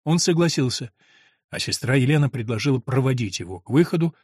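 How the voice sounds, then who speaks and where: A man reading a gothic novel aloud as an audiobook narrator, in a measured, even manner. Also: medium pitch, slightly rough, no room sound, clean studio sound.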